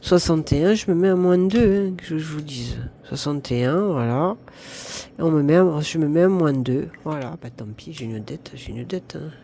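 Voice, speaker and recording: A woman's voice: low-pitched, moderate pace, warm tone. A woman in her fifties from northern France, chatting to the camera and counting aloud as she does her budget, with a self-mocking manner. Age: 50s. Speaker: budget vlogger. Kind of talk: casual talk to camera while doing budget envelopes.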